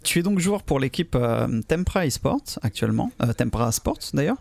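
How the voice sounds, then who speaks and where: A man's voice: medium pitch, very animated, normal speed, gravelly, a little mellow, no room sound. A man hosting a casual interview podcast, speaking in a chatty, teasing way. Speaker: podcast host.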